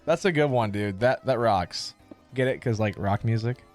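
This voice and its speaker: A man reacting casually to jokes, bantering and commenting in an expressive way. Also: on the low side, normal speed. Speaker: reacting listener in a joke session. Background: music.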